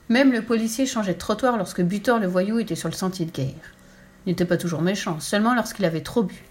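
A woman reads a children's story aloud at a medium pitch, keeping her narration steady and clear. She moves the tale along at an even pace. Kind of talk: storybook reading.

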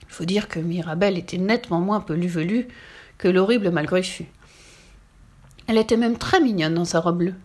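A woman reading a children's storybook aloud in a lively, expressive way. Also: on the low side, a little fast.

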